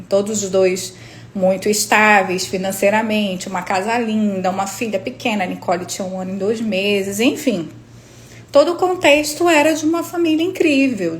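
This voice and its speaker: A woman, an energy therapist sharing reflections in a casual, animated storytelling monologue with frequent tag questions. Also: medium pitch, a little hiss or hum.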